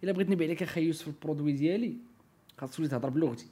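A man's voice: on the high side, very fast, dark tone, husky. A man with a Moroccan Arabic accent in casual podcast conversation, opinionated and emphatic, mixing in French and English words and often checking that his listener follows.

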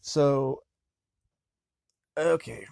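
A man's voice: medium pitch, vocal fry, darkish tone, no room sound. Rambling man in a dry room. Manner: rambling, halting, restarts mid-sentence. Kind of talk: casual film commentary.

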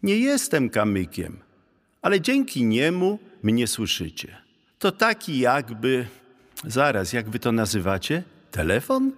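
A man's voice: mid-range voice, huge pitch swings, a little slow, big-room sound, pitched above the performer's own voice, exaggerated voice. A man voicing a young female ghost who speaks through a stone, pleading in a melodic way.

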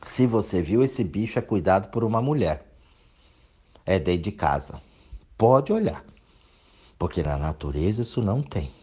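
A man's voice: low voice, animated, normal speed, dark tone, breathy edge. A man giving a blunt, crude, emphatic monologue. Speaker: speaker. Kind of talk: opinionated monologue.

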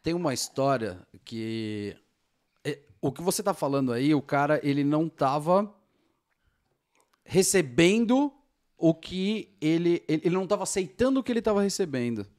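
A man, telling stories in casual conversation as a hypnotherapy guest, in an enthusiastic, animated way. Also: a little high, moderate pace.

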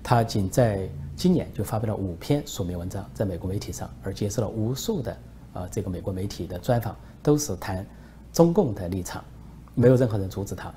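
A man's voice: lowish voice, expressive, a little fast, mellow, slight background noise. A man giving solo political commentary in an emphatic way, with frequent fillers.

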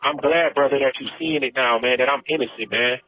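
Over a prison phone line, an American man telling his story makes an emphatic, impassioned, repetitive plea. He talks a little fast in a mid-range voice. Music plays in the background.

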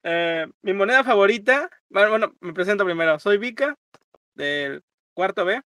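A man's voice: high-pitched, animated, moderate pace, bright, forceful tone, clear, resonant tone, no echo, clean studio sound. A young man chatting playfully on a casual podcast, with theatrical outbursts. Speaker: podcast co-host.

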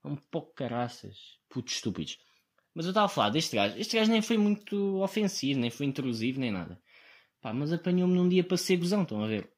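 Rambling, animated and sarcastic, a young man with a European Portuguese accent hosts his solo podcast, mocking others through impressions. His voice is fairly high-pitched and his pace quick in this casual monologue.

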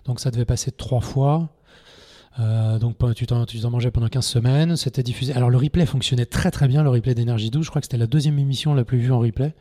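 Mellow-voiced man telling stories animatedly. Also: mid-range voice, quick pace. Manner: animated storyteller, acts out scenes in shouts. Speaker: guest, poker TV presenter. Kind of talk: casual podcast interview.

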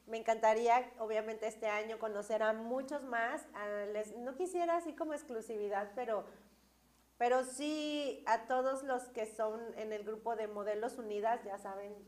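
A woman's voice: a little high, moderate pace, a little mellow. A woman with a Mexican accent and a congested, nasal voice, chatting casually and expressively as an interview guest. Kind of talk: casual chat.

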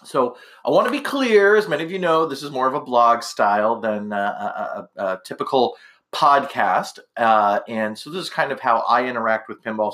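A middle-aged man talks as a solo podcast host in a casual, blog-like way. His voice is mid-pitched, and he rambles through chatty asides and self-corrections. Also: a bit bright.

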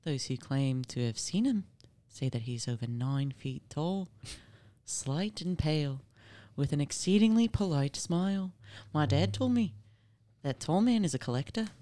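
A woman's voice: low-pitched, animated, unhurried, dark tone. A woman casually reading a scary story aloud, with playful, informal asides. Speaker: story reader.

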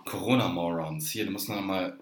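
A man's voice: low voice, normal speed. A man co-hosting a podcast, crude and worked up, swearing often in casual chat. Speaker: podcast co-host. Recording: roomy echo, faint noise.

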